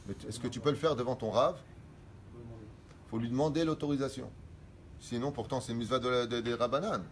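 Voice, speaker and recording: Middle-aged rabbi teaching religious law. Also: male voice, mid-range voice, a little hiss or hum. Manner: reads Hebrew sources quickly, then explains in French.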